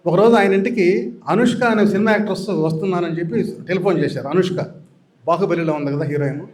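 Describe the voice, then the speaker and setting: An older man from Andhra Pradesh tells funny stories from a meeting-hall stage. His voice sits high for a man, and he slips into the voices of the people in his tales as he goes. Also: fast, darkish tone. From Andhra Pradesh, India. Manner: storytelling, acting out quoted voices. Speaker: speaker at a public meeting. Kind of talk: humorous anecdotes told to an audience.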